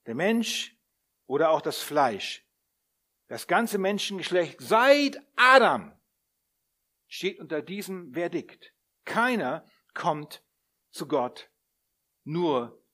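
A man preaching with a fairly high voice. He talks straight to his listeners and puts questions to them. He builds up to loud, emphatic appeals. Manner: addresses the listeners directly, asking them questions. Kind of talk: sermon.

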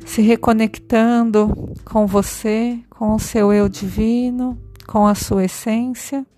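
Slow, soothing woman guiding a meditation. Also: a little high, flat delivery. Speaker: meditation guide. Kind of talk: guided meditation. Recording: soft music behind.

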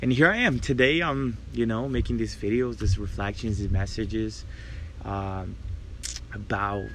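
In an unhurried, steady tone, a young Brazilian man with a lowish voice shares a personal testimony on the faith podcast he hosts as a preacher. He comes across as earnest, grateful and reflective, and there's a slight hiss or hum on the recording.

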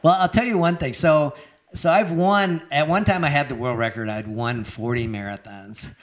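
A man's voice: fairly high pitch, moderate pace. Older guy telling marathon stories, laughs a lot, acts out quotes, casual chat. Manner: animated storyteller, voices quoted people, laughs often. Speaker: interview guest, former marathon runner. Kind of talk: casual storytelling interview.

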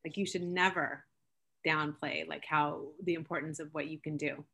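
A woman's voice: low voice, steady tone, moderate pace, vocal fry, a bit bright, breathy edge. A woman from Seattle, an interview guest and founder, talking earnestly with frequent fillers and laughs. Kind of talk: interview chat.

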